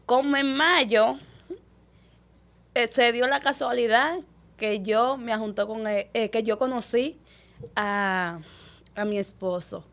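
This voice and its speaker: Animated young woman telling her story. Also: fairly high pitch. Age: young adult. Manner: animated, quick, acts out quoted dialogue. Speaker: interview guest, young mother. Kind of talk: emotional personal storytelling.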